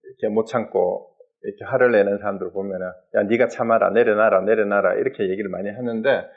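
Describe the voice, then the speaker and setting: A man lecturing on Buddhist texts, explaining terms step by step and acting out quoted exchanges. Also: mid-range voice. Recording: dull lo-fi sound.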